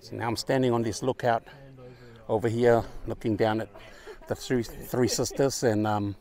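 A New Zealand travel vlogger films himself at an outdoor lookout, holding the camera at arm's length while chatting upbeat with passers-by and laughing often. His voice is mid-range, steady, slightly mellow, and at normal speed.

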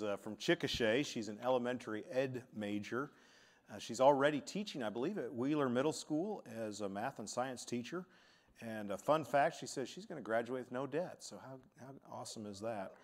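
A man's voice: mid-range voice, normal speed. A man hosting a university chapel, introducing student speakers in an encouraging way. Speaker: chapel host. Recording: hall reverb, audience faint.

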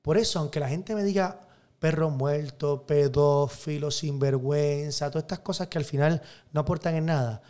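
A man speaks as a priest giving his testimony in an interview. His voice sits a bit higher than most men's, and he tells the story emphatically, playing out both sides of a conversation. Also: quick pace, few pauses, a little mellow. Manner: emphatic, storytelling, acts out quoted dialogue.

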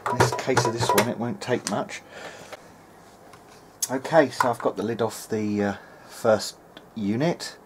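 Hosting a casual hands-on demonstration, a hobbyist electronics repairer works at an indoor workbench and thinks aloud hesitantly. His mid-range voice holds a steady tone at a slightly slow pace. Background noise from the workshop room is clear.

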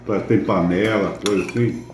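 A man's voice: on the low side, steady tone, moderate pace, darkish tone. A man chatting casually at home, asking a small child simple, curious questions. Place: indoor home kitchen. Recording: echoey kitchen, faint dish noise.

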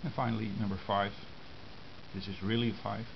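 A low-voiced man from the Netherlands delivers a flat, informal radio hobby tutorial, pausing between short phrases as he explains hand-drawn diagrams step by step. The compact camera microphone that recorded him gives a dull, muffled sound with clear hiss.

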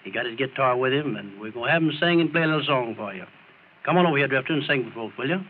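A man's voice: medium pitch, lively intonation, racing. A man doing folksy, drawling mock radio-announcer patter in a comic skit, heard like an old AM radio broadcast. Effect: tinny AM radio broadcast sound. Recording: tinny lo-fi old record with faint hiss.

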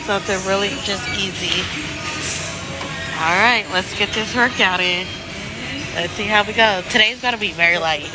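A woman's voice: medium pitch, poor audio. A woman vlogging casually on a handheld phone in a large indoor gym. She is chatty, laughs at herself and swears casually. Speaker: lifestyle vlogger. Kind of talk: casual vlog talk to camera. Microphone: handheld phone close up.

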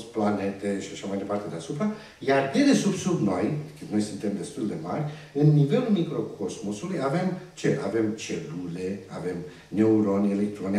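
Lively preacher in an echoey church. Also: male voice, fairly low pitch. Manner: teaching with questions to the congregation. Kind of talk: sermon. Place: church hall. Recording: echoey church room, distant mic.

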